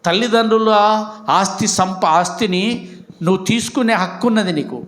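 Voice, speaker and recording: A man's voice: sits high, normal speed, fairly bright tone. A man, preaching a Sunday sermon as pastor, with emphatic outbursts and questions put to the congregation. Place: church.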